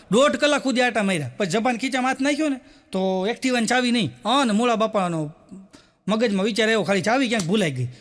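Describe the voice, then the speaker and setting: High-voiced Gujarati comic storyteller man. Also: fairly bright tone. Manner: storytelling with voiced quotes of characters. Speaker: comedian. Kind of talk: stand-up joke telling. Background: audience laughter.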